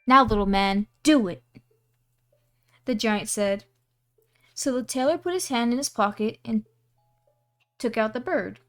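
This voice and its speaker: A woman streamer casually reading a storybook aloud, giggling and adding asides on the text. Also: on the high side.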